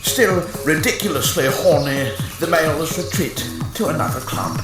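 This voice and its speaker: A man giving a mock-serious nature documentary narration in formal, measured phrases. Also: on the high side, echoey room. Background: music.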